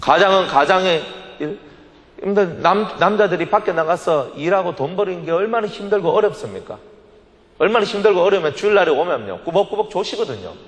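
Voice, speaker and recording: A man's voice: high-pitched, animated, fairly quick. A male pastor preaching a sermon emphatically, asking rhetorical questions and answering them himself. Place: church sanctuary. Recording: echoey church hall.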